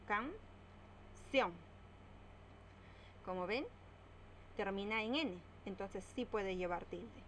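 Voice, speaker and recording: A woman's voice: mid-range voice, slight background noise, low-quality recording. Woman teacher sounding out syllables. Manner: slow, stresses syllables while spelling words out. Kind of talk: explaining a grammar lesson.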